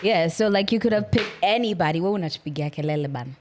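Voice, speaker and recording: Low-pitched Kenyan woman hosting. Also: quick pace, faint music behind. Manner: teasing, slangy. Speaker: podcast host. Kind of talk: casual interview.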